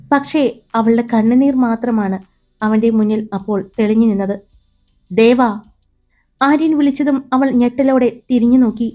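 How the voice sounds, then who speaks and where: A woman reads a romance story aloud in a calm, steady way. Her voice is mellow and somewhat high. Faint music runs under the narration. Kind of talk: scripted storytelling.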